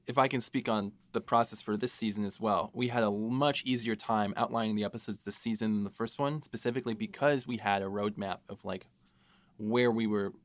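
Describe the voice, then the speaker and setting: In a casual panel discussion, a man with a lowish voice talks on a dry recording. He's a podcast host and writer who keeps things light with self-deprecating jokes.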